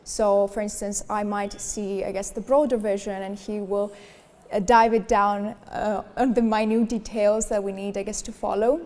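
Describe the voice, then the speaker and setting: On stage in a conference hall, a young Greek woman answers panel discussion questions with poise and articulacy, holding a handheld mic. Her mid-range voice is level and darkish at a moderate pace, and the hall adds noticeable reverb.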